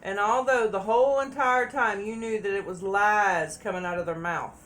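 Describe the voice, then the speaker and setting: A woman's voice: medium pitch, steady tone, moderate pace, a bit bright. A woman giving a casual tarot reading, chatty and repeating phrases for emphasis. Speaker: tarot reader.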